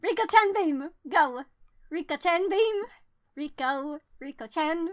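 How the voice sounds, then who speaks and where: A woman giving excited, pleading commentary while pulling cards in a mobile game. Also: very high-pitched, takes it slowly, soft background music. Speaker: gacha scouting video creator.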